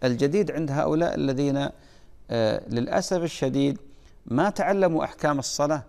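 A man's voice: fairly high pitch, fast, gravelly, a little mellow. A man giving a religious lesson as a preacher, emphatic and drilling correct pronunciation. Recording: long reverb of a large hall.

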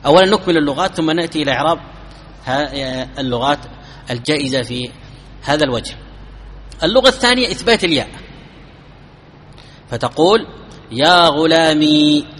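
A man giving a classical Arabic grammar lesson, explaining step by step, asking his students questions and drawing out each example phrase slowly. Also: on the high side, fairly bright tone, in a large hall, a little hiss or hum. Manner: slows down and drawls out example phrases.

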